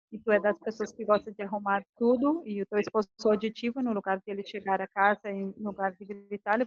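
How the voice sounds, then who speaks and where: A woman's voice: mid-range voice, dry recording, muffled recording. A woman teaching a class on communication, acting out couples' arguments as she explains. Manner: animated, acts out quoted couples' arguments. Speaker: communication coach. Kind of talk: lecture to a class.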